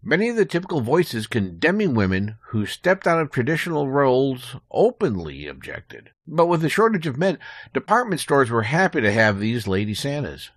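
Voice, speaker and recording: A man with a medium-pitched, sing-song voice appears as a podcast guest, explaining history during an interview at a normal pace. He's in a small recording booth, and the sound is clean, studio quality with no echo.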